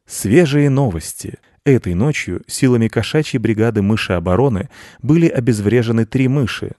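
A man's voice: mid-range voice, lively intonation, normal speed, dark tone, no echo, clean studio sound, voice pushed up, lightly acted. A man voicing a lazy, self-important male house cat who lectures in a storybook reading. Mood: mock newscast. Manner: pompous and lecturing.

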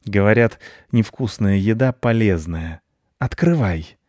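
A man voicing a big, predatory male cat who talks slowly and menacingly, for a storybook reading. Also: fairly low pitch, expressive, mellow, dry recording, studio quality. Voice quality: slow, menacing.

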